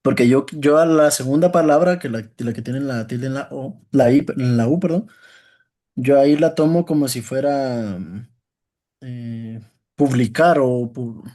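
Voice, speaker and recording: A man's voice: medium pitch, fairly even intonation, moderate pace, warm tone. A male student answering in class, hesitant and unsure, restarting his sentences often.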